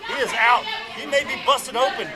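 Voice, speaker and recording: High-pitched excitable wrestling commentator, man. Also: moderate pace. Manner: excitable, shouting over the action. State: out of breath. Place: wrestling arena with a crowd. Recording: commentary over arena crowd noise.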